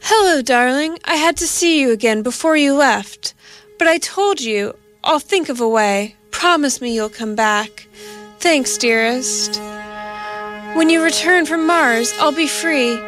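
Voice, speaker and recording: A woman's voice: high voice, animated, measured pace, a bit bright, soft background music, pitched above the performer's own voice. A woman voicing a scheming woman writer speaking tenderly to her lover on a call. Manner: tender, intimate.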